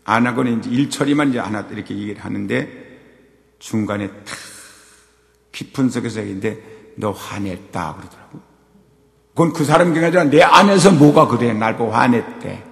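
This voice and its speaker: An older man preaching in a gravelly, mid-pitched voice. He swings between hushed asides and sudden loud bursts. A long reverb trails each phrase. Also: lively intonation, a little fast. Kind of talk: sermon storytelling.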